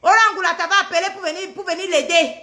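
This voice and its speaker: A woman's voice: very high-pitched, steady tone, rapid-fire. A middle-aged pregnant woman, ranting angrily on a live stream, trading insults and mocking her rivals. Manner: shouting insults, mocking, repetitive. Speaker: social media personality. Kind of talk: angry live-stream rant.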